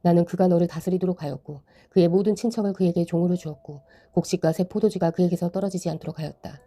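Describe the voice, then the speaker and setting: A woman's voice: on the low side, fairly even intonation, quick pace, dark tone, natural voice. A woman reading the lines of an aged, solemn patriarch father in a Bible reading.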